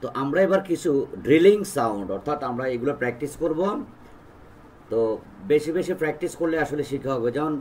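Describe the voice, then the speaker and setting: Male pronunciation teacher, lively pitch, fairly high voice, word drills. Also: fast talker, slight background noise. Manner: practices word lists, stressing each word aloud.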